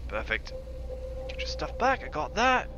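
A man's voice: a little high, wildly swooping pitch, measured pace, dull audio, noisy background. A man streaming a game live, joking, half-singing and mimicking lines as he plays. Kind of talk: live gameplay commentary. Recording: game music under the voice. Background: game music.

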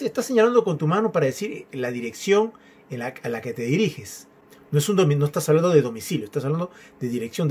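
A man with a husky, slightly high voice teaches a beginner French lesson. He explains in a lively, patient way, then slows right down to model each French phrase carefully for the learner to repeat.

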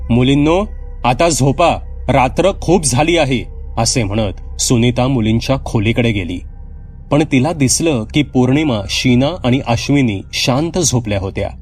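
A man telling a horror story in a measured, suspenseful scripted narration. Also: fairly low pitch, darkish tone.

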